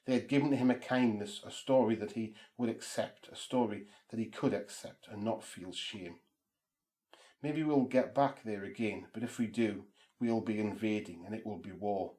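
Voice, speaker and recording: A man's voice: on the low side, moderate pace, dark tone. A man speaking as a horror host, telling spooky material in a solemn, theatrical, incantatory way. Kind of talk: spooky scripted narration and ritual chanting. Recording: roomy, echoing sound.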